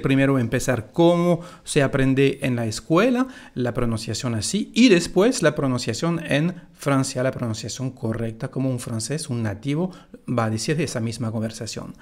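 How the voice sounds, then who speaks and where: A man whose first language is French teaches French pronunciation, explaining it in Spanish with a foreign speaker's delivery. His pitch sits in an ordinary middle range for a man. He spells out sounds and repeats model phrases slowly and deliberately. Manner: slow, careful model sentences, often repeated.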